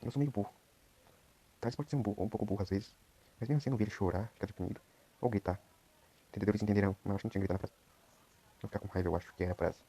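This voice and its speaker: A young Brazilian man giving quiet, rambling commentary while he plays a game. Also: fairly low pitch, steady tone, racing, pauses often, husky. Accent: Brazilian Portuguese. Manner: talks quietly at night, rambling. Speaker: gameplay streamer. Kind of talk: casual gameplay commentary.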